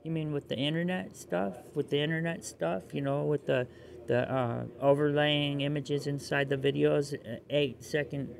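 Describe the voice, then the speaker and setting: A man in a rambling monologue to camera, repeating phrases and dropping to low mutters. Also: fairly even intonation, normal speed, gravelly. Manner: repetitive, drops to low mutters.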